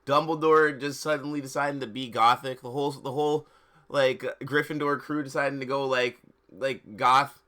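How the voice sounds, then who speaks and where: This live streamer's mid-range voice sounds pushed and bright, with fairly even intonation. He shifts from dramatic reading to slangy, casual remarks, frequently halting, repeating himself and sounding exasperated.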